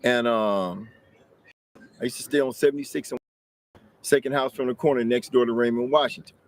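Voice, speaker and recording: A man's voice: medium pitch, fairly even intonation, normal speed, dry recording. An older man from Los Angeles, interviewed as a guest, telling his story plainly and matter-of-factly.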